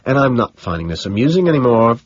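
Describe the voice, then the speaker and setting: A man's voice: medium pitch, big pitch swings, fast talker, dry recording, muffled recording, pitched above the performer's own voice. A man voicing a smug, dismissive, upper-class socialite with an affected, condescending drawl.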